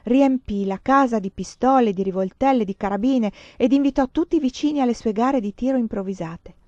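Brief: woman narrator, audiobook reading, measured and expressive, dull dry lo-fi sound. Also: fairly high pitch, no echo. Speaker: reader.

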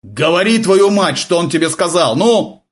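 A man's voice: a little high, very animated, moderate pace, pitched above the performer's own voice. A man voicing a stern, tense naval senior lieutenant who gives curt, commanding orders in an audiobook. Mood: angry. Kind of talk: audiobook character voice.

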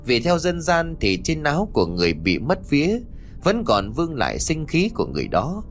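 A man's voice: on the high side, huge pitch swings, brisk. A man narrating a ghost story in a dramatic storytelling manner. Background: faint music.

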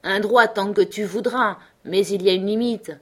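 Woman reading as an earnest gentle master. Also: mid-range voice, steady tone, normal speed, husky, lightly acted. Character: earnest gentle male master of a wild dog. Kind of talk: audiobook reading.

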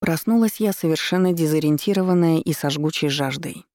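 Brief: woman narrator for a first-person novel, even and measured, a touch of vocal fry. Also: sits low, no room sound, studio quality. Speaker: audiobook narrator.

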